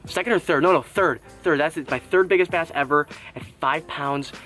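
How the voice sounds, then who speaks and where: An excitable young man with a somewhat high voice talks to his camera while fishing at a pond outdoors. He exclaims often and sounds hot and sweaty in the heat. Faint music plays underneath. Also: a little fast. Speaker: fishing vlogger. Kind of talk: casual vlog talk to camera. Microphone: action camera.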